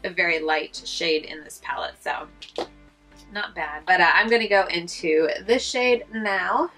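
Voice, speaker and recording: A young beauty vlogger films a makeup tutorial close to the camera in a small room at home. Her voice is lowish, stuffy and congested, with a sharp tone and a measured pace, and she chats casually, rambling with fillers. Faint music plays behind her.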